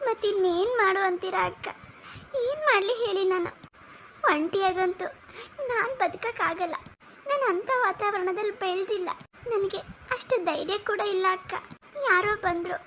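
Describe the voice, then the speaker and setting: A woman's voice: very high voice, a bit bright, slight background noise. A woman voicing a timid young woman in a cartoon, tearful and pleading.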